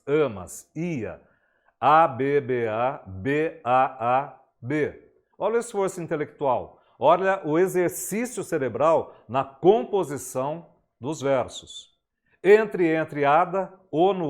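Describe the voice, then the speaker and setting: A Brazilian man lecturing on poetry in a slightly high voice, speaking slowly and deliberately. He talks emphatically, poses rhetorical questions and reads verse lines with dramatic weight. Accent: Brazilian Portuguese. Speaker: literature teacher. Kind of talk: exam-prep literature lecture.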